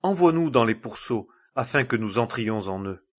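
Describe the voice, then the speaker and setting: A man reading the lines of a possessed man who pleads loudly, in a husky voice. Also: mid-range voice, animated, moderate pace, close to an everyday voice. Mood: pleading. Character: possessed man ruled by a legion of unclean spirits.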